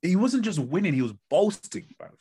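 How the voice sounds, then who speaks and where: A man with a London roadman accent chatting casually as a podcast host, using lots of slang and swearing as he tells stories in an animated way. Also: high-pitched, moderate pace, husky. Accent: London, urban street slang. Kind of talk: casual banter about TV shows.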